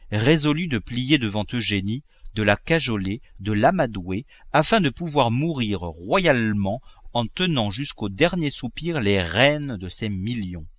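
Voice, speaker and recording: A man narrating a classic novel as an audiobook with expressive, varied intonation. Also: mid-range voice, dry recording.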